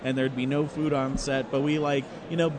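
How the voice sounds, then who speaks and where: A man's voice: mid-range voice, flat delivery, a little fast, noisy background. A man who is a filmmaker guest, joking casually in an outdoor interview at a fan convention. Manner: joking, wisecracking.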